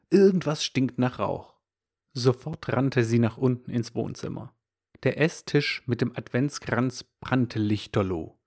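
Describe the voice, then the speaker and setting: Male devotional speaker, calm scripted storytelling delivery, mid-range voice. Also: medium pitch.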